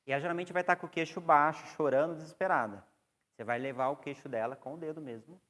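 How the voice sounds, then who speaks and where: A man's voice: a little high, fast, fairly bright tone. A man with a Brazilian Portuguese accent giving a classroom lecture on psychoanalysis, explaining and putting questions to the class. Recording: long hall reverb.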